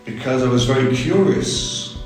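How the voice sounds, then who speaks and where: A man speaks very slowly in a lowish voice, stopping for "um"s. He sounds far from the mic in a very echoey space, with music clearly underneath. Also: expressive. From north England, raised in Cornwall. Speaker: English teacher. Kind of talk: casual interview answers.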